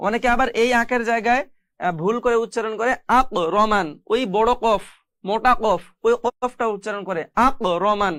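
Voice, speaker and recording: A woman teaching Quran reading, spelling out letters and syllables slowly and patiently. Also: fairly high pitch, dry recording.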